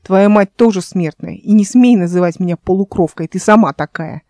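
A woman's voice: mid-range voice, moderate pace, mellow, no echo, lightly acted. A woman voicing an indignant, bitter half-blood young man in a fantasy audiobook.

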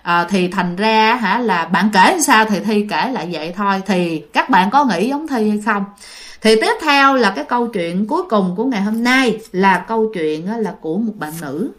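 A woman's voice: medium pitch, expressive, moderate pace, fairly bright tone. Give me a chatty Southern Vietnamese woman telling ghost stories. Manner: chatty, addresses listeners directly. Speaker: ghost story narrator. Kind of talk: casual storytelling to listeners.

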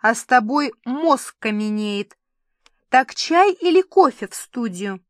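A woman's voice: fairly high pitch, expressive, dry recording. A woman voicing a flustered young female studio administrator who coaxes and snaps back. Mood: coaxing. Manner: coaxing, cajoling, quick to snap back.

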